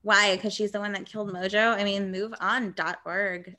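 A woman's voice: medium pitch, steady tone, moderate pace, bright, forceful tone, pitched below the performer's own voice, close to an everyday voice. A woman reading the part of a sweet, anxious young superhero in a script table read. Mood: chatty.

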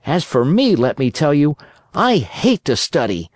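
A storyteller voicing an impudent, quick-tempered wooden marionette boy in a storybook reading. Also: mid-range voice, wildly swooping pitch, no room sound, voice pushed up. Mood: cheeky defiant. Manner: cheeky, impatient.

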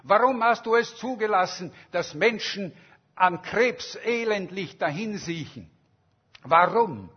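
A man's voice: high voice, lively intonation, takes it slowly, breathy edge, muffled recording, voice pushed up, heavily acted. A preacher voicing an angry male strike orator who hurls accusing questions at God in a fiery speech.

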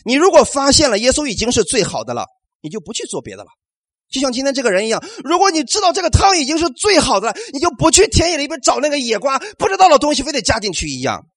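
A male pastor preaches with a high, lively voice that swoops up and down as he asks his congregation question after question. He punctuates his points with amens. The sound is dry and close, with no room echo. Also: quick pace. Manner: animated preaching with rhetorical questions and call-and-response amens. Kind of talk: sermon.

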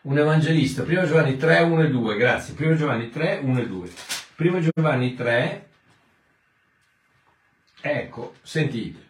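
A man's voice: on the high side, animated, moderate pace, pauses often. A man teaching from the Bible in a sermon, explaining verses in a conversational, emphatic way. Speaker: preacher. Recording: echoey room, mic at a distance.

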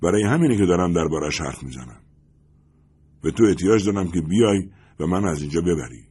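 Man reading a glum, fed-up guy, husky and low, audiobook. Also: lively intonation, a little mellow. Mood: impatient. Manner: weary, impatient replies. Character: gloomy, irritable man regretting his choices.

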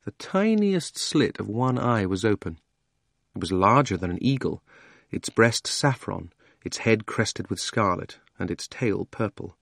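A man narrating a children's audiobook in a measured, gently wry storytelling manner. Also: fairly low pitch, animated, gravelly, dry recording, studio quality.

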